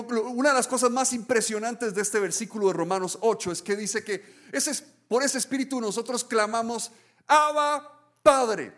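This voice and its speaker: A man preaching a sermon as a pastor. He tells stories earnestly, often restarts and adds "right?" tags, and swings between hushed and excited delivery. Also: very high voice. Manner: earnest storytelling, many restarts and "¿verdad?" tags. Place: church.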